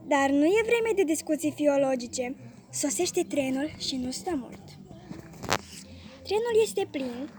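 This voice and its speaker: High-voiced woman reading a comic story. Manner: clear, measured storytelling with lively quoted voices. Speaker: audiobook reader. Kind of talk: scripted narration of a classic comic story.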